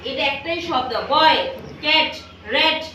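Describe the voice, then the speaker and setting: A woman's voice: sits high, steady tone, a little slow, background noise. Woman teacher quizzing a class over and over, echoey room, far from the mic. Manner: repetitive, drills pupils with questions. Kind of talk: classroom lesson with call-and-response.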